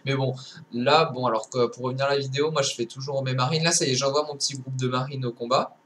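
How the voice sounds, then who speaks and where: A man's voice: mid-range voice, steady tone, fast, a bit bright. Young male gamer commentator, loose rambling delivery with fillers, faint hiss behind. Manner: rambling, many fillers and restarts, swears casually. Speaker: gameplay commentator. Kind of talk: casual game commentary.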